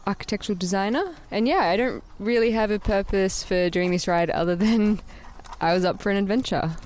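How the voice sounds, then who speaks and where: A woman's voice: medium pitch, fairly quick, a little mellow. A woman in her twenties from Canberra with an Australian accent, chatting casually and laughing often about a bike trip. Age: 20s. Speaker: bikepacking rider. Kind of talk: casual chat.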